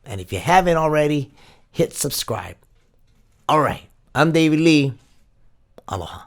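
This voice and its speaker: A man's voice: on the high side, expressive, a little slow. A man from Hawaii doing a casual fitness vlog, with a sarcastic, exasperated tone. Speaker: fitness vlogger.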